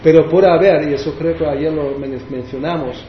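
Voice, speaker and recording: A man's voice: on the high side, fairly even intonation, moderate pace, a little hiss or hum. Man teaching scripture in a roomy hall. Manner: hesitant, many restarts, explaining verses. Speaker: spiritual teacher. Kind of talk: devotional class with questions. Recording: roomy, dull recording.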